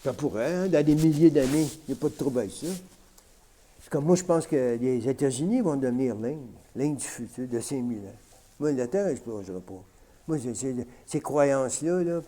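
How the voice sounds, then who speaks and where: A man's voice: mid-range voice, expressive, normal speed, warm tone. A man with a Québécois French accent rambling casually in an unedited vlog, full of fillers like "hein" and "man". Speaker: vlogger. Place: at home, smoking on camera.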